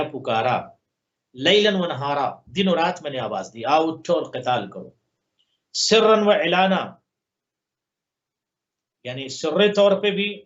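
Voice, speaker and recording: A male religious scholar on a live program, slowly reciting Arabic lines and then explaining them in long rhetorical lists of parallel phrases. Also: a little high, fairly bright tone, highs cut off. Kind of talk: sermon commentary on a live TV program.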